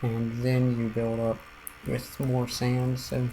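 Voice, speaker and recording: A man streaming a building game, giving casual commentary and rambling aloud with frequent restarts and soft trailing mutters. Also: medium pitch, monotone, slow, a little hiss or hum, poor audio.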